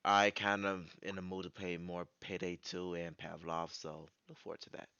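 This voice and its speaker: Smooth, lower-voiced man, slightly dull recording. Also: flat delivery, normal speed, bright, forceful tone, no echo. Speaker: player and streamer introducing themself. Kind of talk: casual self-introduction.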